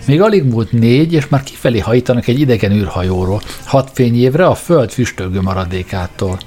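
A man's voice: on the low side, lively intonation, darkish tone, close to an everyday voice. Man playing an exasperated, complaining Englishman. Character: flustered, exasperated young Englishman.

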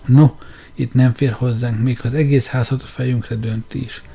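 A bold male engineer in a storybook, scornful of danger and forceful in speech, as a male narrator puts him on. The voice is low and gravelly, with a dark tone. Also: fairly even intonation, faint music behind, close to an everyday voice. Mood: urgent. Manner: brash and forceful.

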